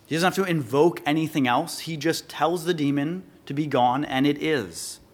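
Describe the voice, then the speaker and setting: A man preaching a sermon, reading scripture aloud and explaining it verse by verse, slowing to stress key words. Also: on the high side. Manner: earnest expository preaching, reads scripture then explains it. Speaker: pastor.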